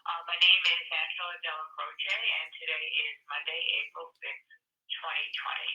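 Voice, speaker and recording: A woman's voice: sits low, steady tone, moderate pace, sharp tone. An older woman heard over the phone, giving brief, matter-of-fact answers to an interview. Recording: muffled, distant phone line with echo.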